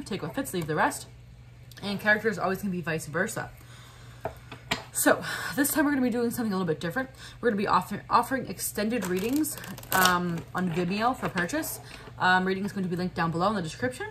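A woman talks through a tarot spread in a casual, chatty way. She thinks aloud, fills pauses with little asides and slips in small laughs. Her voice sits at a middle pitch over a faint background hiss. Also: a bit bright, low-quality recording. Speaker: tarot reader.

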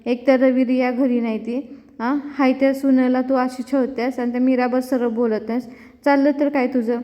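A woman voicing a calm older family father in a TV serial, speaking slowly and coaxingly. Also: high voice, long reverb tail, lo-fi sound, lightly acted.

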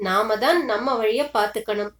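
A woman's voice: a little high, moderate pace, roomy sound, natural voice. A woman voicing a weary older man who soothes and advises in a resigned tone.

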